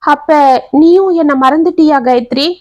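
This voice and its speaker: A woman's voice: sits high, moderate pace, darkish tone, dry recording, muffled recording, pitched above the performer's own voice, natural voice. A woman voicing a heartbroken young man pleading with the woman he loves. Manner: pleading, emotional.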